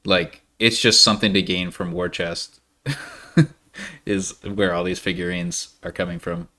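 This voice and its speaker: A man giving casual live commentary on a card game, animated and quick to jump into high-pitched reactions.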